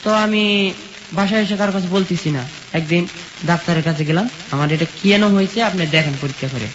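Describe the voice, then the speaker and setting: A young man from rural Bangladesh, speaking in a high, brisk voice, tells his life story as an interview guest. He uses plain colloquial village speech, walks through events step by step, and quotes conversations along the way. The recording sounds dull, with a constant sizzling noise.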